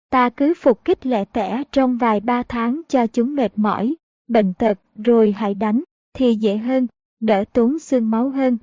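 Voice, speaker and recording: This is a woman narrating a historical novel for an audiobook, reading steadily through both story passages and endnotes, citations included. Her voice is fairly high. The recording is dry, dull and lo-fi.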